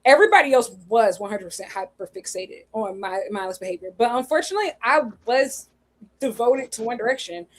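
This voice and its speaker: This is a woman in her twenties co-hosting a laid-back charity stream. Her voice sits well above the usual range, and she talks in an animated, slangy way with laughter never far off. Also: on the high side, brisk. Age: 20s. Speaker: co-host. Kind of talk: casual charity stream chat.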